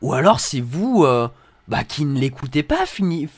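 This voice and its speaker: A man's voice: on the high side, big pitch swings, moderate pace, dry recording. A young man in a dry, close-miked room reacting to hateful comments with mocking irony. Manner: mocking, ironic, reads comments aloud in put-on voices. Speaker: video creator reacting to comments.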